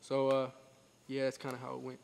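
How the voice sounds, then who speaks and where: A man's voice: mid-range voice, completely flat delivery, a little fast, creaky, a little mellow. An eighteen-year-old man, a boxer, chatting casually in an interview, confidently explaining things step by step and repeating phrases as he goes. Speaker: professional boxer being interviewed. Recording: echoey hall, faint background noise.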